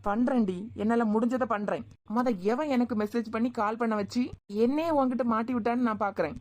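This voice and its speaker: A woman's voice: on the high side, fairly even intonation, fairly quick, a little mellow, close to an everyday voice. A woman voicing a scheming young man. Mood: menacing. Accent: Kanyakumari Tamil. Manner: pleading then menacing. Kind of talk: cartoon web series voicing.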